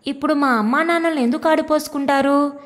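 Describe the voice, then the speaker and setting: A woman's voice: high voice, fast, in a large hall, natural voice. A woman reading the part of a timid young housewife who speaks hesitantly and pleads. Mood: hurt pleading.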